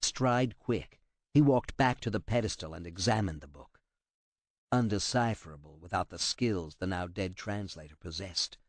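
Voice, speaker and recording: A man narrating an audiobook with a dramatic, expressive delivery. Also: lowish voice, no echo.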